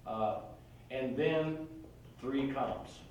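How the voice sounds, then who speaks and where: A man with a mid-range, darkish voice speaks extremely slowly, leading a casual real estate training session in a training room, folksy, conversational and full of anecdotes. The recording is echoey with the mic far off, highs cut off and slight background noise.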